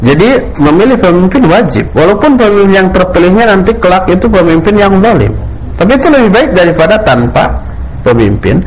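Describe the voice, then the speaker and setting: A man's voice: high voice, sing-song, fairly quick, lo-fi sound. A man giving a religious lecture like a preacher, explaining didactically and answering his own rhetorical questions. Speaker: Islamic preacher. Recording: noticeable background noise.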